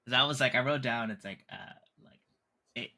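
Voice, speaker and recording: A man's voice: medium pitch, normal speed, gravelly, pushed and bright. A man co-hosting a casual film discussion, rambling with lots of fillers and restarts, laughing often. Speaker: podcast co-host.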